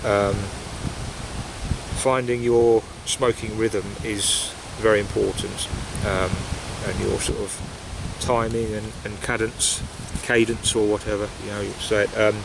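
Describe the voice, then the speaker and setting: Out in the woods, a pipe-smoking vlogger talks casually and reflectively, his hesitant thoughts meandering along. His voice sits fairly low with little pitch movement, a measured pace and a creaky quality. Wind and rustling leaves come through on basic equipment.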